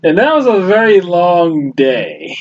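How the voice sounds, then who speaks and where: A man's voice: sits high, wildly swooping pitch, slow pace. A man co-hosting a podcast in casual chat, laid-back, recalling a night out. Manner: laid-back, chiming in with short agreements. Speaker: podcast co-host. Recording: dull lo-fi audio with faint background noise.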